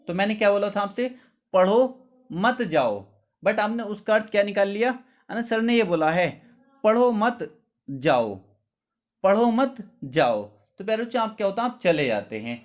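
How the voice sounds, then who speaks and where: Man teaching with repeated questions. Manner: asks questions and answers them himself, repeats "clear?"; drops his pitch to deliver answers. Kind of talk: exam-prep lesson. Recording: dull lo-fi sound.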